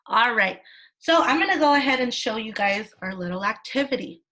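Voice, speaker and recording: A woman's voice: on the high side, sharp tone. A woman teaching a children's class over a video call, encouraging and sing-song as she prompts her students. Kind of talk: online class lesson for children. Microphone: laptop mic on a video call.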